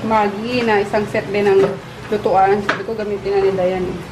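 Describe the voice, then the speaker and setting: A woman vlogger chats casually in a family home vlog, her voice medium-pitched and steady at a moderate pace. Playful and laughing, she coos baby talk at her dog, captured on a handheld compact camera with noisy home audio.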